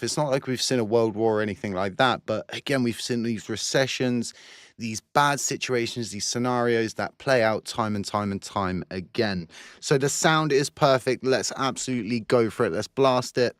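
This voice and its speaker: Recovering from surgery, a crypto channel host talks casually to camera in a croaky, short-winded mid-range voice at normal speed. He rambles, repeats himself and fills gaps. He speaks from a studio booth with no room sound, using a new microphone.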